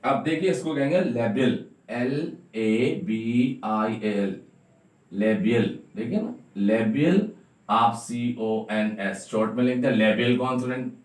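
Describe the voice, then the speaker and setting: A man teaching a phonetics lesson, slowly repeating each sound and spelling words out letter by letter. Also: medium pitch, far from the mic. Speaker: English teacher. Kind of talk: classroom-style phonetics lesson. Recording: echoey room, voice from afar.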